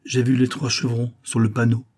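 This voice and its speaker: A man voicing a gruff, impatient older statesman laid up with gout, in an audiobook. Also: medium pitch, completely flat delivery, moderate pace, darkish tone, natural voice. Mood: grumpy. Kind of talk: audiobook character voice.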